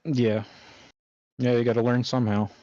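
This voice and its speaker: A man's voice: medium pitch, little pitch movement, normal speed, dark tone, highs cut off. A man chatting casually about a game race in an easygoing way. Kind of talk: casual chat.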